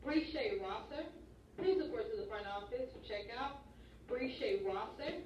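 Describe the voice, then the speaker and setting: A woman's voice: fairly high pitch, moderate pace. Woman on a school intercom. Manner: polite, repetitive requests. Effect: school intercom loudspeaker. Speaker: school office announcer. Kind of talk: public address announcement. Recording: muffled distant loudspeaker in echoey noisy room.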